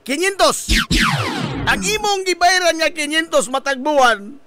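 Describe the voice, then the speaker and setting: A man's voice: very high-pitched, expressive, measured pace, pushed and bright, no echo, soft background music. A man hosting a local radio talk show, joking, laughing at his own quips and asking listeners rhetorical questions.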